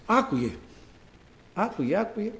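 A man's voice: high voice, very animated, gravelly, a bit bright, roomy sound. A male preacher giving a sermon, telling stories dramatically and acting out the quotes. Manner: dramatic storytelling with acted-out quotes.

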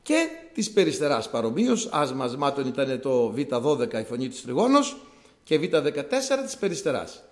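A man's voice: mid-range voice, very animated, roomy sound. A man preaching a sermon to his congregation, explaining scripture conversationally and repeating key words for emphasis.

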